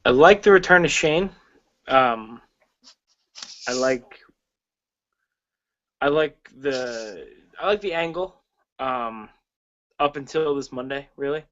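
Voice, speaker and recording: A man talks on a podcast in loose, rambling chat, tripping over his words, restarting sentences and tossing in swear words. His voice sits at a middling pitch. The audio is dull and lo-fi. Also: expressive, takes it slowly, long pauses, a bit bright. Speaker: podcast co-host.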